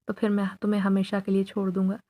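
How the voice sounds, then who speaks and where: A woman's voice: mid-range voice, monotone, warm tone, close to an everyday voice. A woman voicing a young male jinn who pleads his love in a spoken horror story. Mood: earnest.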